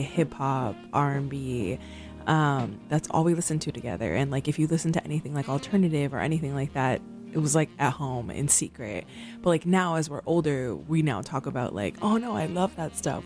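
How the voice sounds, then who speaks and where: A young woman with a low voice hosts a radio show, chatting loosely between tracks. She rambles and fills her talk with ums and likes, and faint music plays behind her. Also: a little mellow. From San Francisco. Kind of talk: casual radio chat between songs.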